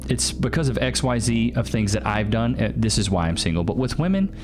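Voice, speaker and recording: A man's voice: medium pitch, lively intonation, fairly quick. Sarcastic guy in his 30s doing reaction commentary, voice jumps all over, music under it. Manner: sarcastic, teasing, sing-song asides. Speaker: host. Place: small studio room. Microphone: boom-mounted studio mic.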